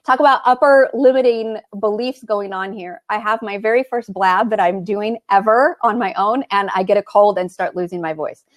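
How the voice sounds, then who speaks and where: A woman with a medium-pitched voice hosts a live online Q&A as a business coach. She talks fast and encouragingly while fighting a cold.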